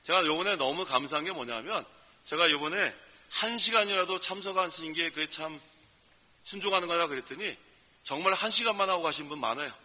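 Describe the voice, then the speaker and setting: A male pastor preaching in an emphatic, folksy way, with sudden loud exclamations. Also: fairly high pitch, brisk, big-room sound. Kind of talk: sermon. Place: prayer retreat center hall.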